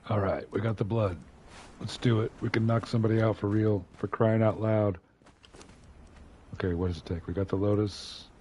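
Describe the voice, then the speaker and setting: A man's voice: lowish voice, fairly even intonation, normal speed, a little mellow, a little hiss or hum. A man giving casual, muttering commentary while playing a game, with wry asides. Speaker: game streamer.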